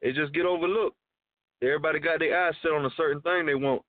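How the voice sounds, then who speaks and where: Blunt guy co-host, talks fast, slangy n sweary, thin muffled dry sound. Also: on the high side, fairly even intonation, no echo. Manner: blunt, insistent, profane. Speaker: radio co-host. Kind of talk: casual street-slang chat.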